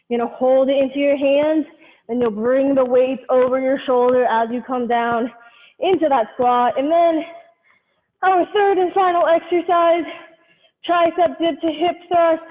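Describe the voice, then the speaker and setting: A woman leading a live workout class over a headphone mic, cueing each movement step by step in a directive way. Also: high voice. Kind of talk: live group exercise instruction. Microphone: headphone microphone. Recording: muffled lo-fi headset sound, long reverb.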